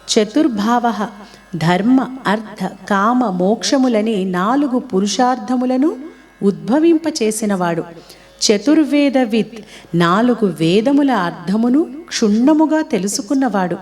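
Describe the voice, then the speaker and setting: A woman teaching a devotional chant. She recites each sacred name slowly and deliberately, then explains its meaning at a quicker pace. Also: a little high, darkish tone.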